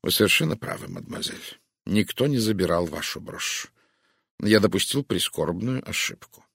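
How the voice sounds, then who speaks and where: A man reading an audiobook, voicing a polite, sly older detective who speaks softly and breathily. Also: sits low, lively intonation, normal speed, dry recording, clean studio sound, full character voice. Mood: courteous. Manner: soft, breathy, courteous.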